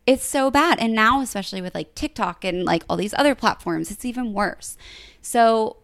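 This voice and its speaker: A woman's voice: fairly high pitch, expressive, moderate pace, gravelly, fairly bright tone, dry recording. Young woman podcast co-host, chatty storyteller, lots of "like", dry closely miked sound. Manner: chatty, fills speech with "like". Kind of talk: casual chat, retelling a story.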